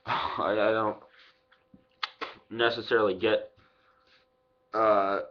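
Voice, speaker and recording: A man in his twenties speaks in a fairly low voice with his lip packed full of dip. He rambles casually and swears freely, as in a homemade product review. The sound is slightly dull and lo-fi, picked up by a webcam microphone. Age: 20s. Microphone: webcam microphone at arm's length.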